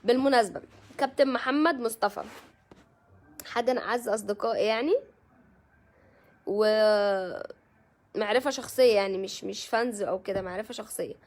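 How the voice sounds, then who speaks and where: A woman's voice: medium pitch, normal speed, pauses often. An Egyptian woman hosting a casual live stream, chatting with viewers and greeting them by name. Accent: Egyptian Arabic.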